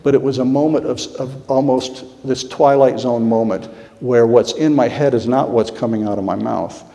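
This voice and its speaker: A middle-aged man preaches from the pulpit in a mellow, warm voice. He speaks earnestly and from the heart, circling back to repeat his main points. His words ring out with the long reverb of a church sanctuary. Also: mid-range voice, normal speed, gravelly. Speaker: pastor. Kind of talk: sermon.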